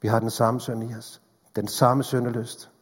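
A man preaching a sermon in a church hall, earnest and pleading, moving between hushed and urgent delivery. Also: medium pitch, level tone, husky. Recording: long reverb of a large hall.

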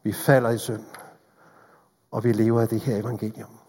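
A man preaching a sermon in a church hall, earnest and pleading, moving between hushed and urgent delivery. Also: lowish voice, little pitch movement, slightly rough. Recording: long reverb of a large hall.

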